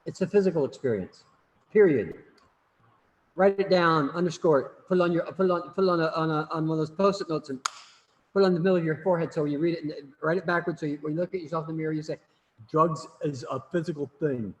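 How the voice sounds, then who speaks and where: A man's voice: fairly high pitch, steady tone, rapid-fire. A man teaching an online class in a casual, joking, rambling way, often repeating words, over a video call. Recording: long reverb, faint room noise.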